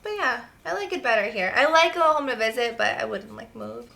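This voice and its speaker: Animated and fairly quick, this young woman from Serbia speaks with no accent in a high-leaning, creaky, sharp voice. A model appearing as a guest, she chats casually through the interview, saying "like" constantly among other fillers.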